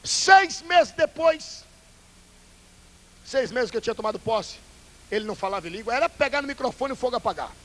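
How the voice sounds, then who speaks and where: A male Pentecostal pastor, preaching a fiery, theatrical sermon that swings between loud bursts and hushed asides. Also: extremely high pitch, expressive, brisk, long pauses, slight background noise, poor audio. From Brazil.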